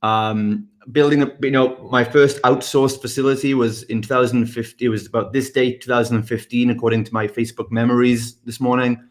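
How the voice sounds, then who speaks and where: A middle-aged man from the UK speaks with quick, energetic enthusiasm at a middle pitch. He answers the questions of a podcast interview briskly and sounds fired up about his work. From United Kingdom. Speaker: guest, fitness business mentor.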